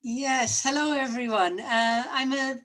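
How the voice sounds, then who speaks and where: A middle-aged or older woman, introducing herself in a measured, earnest way as an academic guest. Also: high-pitched, steady tone, fairly bright tone. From Swansea, Wales. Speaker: panel guest, academic researcher. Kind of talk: considered self-introduction.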